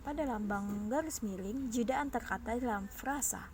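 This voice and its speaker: A woman's voice: fairly high pitch, normal speed, a little mellow, slight background noise. A young woman with an Indonesian accent, a student presenter reading lecture notes aloud carefully, with small slips and restarts. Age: young adult.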